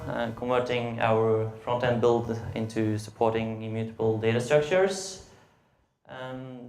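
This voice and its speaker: Hesitant young Norwegian man, gravelly voice. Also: mid-range voice. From Norway. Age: late teens. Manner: hesitant, with frequent "uh" and "um" fillers. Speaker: conference speaker. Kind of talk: tech meetup presentation. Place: meetup event room. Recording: roomy echo of a meeting room.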